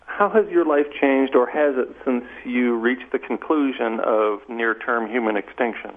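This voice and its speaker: Guy hosting a radio call-in, gravelly voice, sounds like a phone line. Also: medium pitch, normal speed, a little hiss or hum. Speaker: radio host.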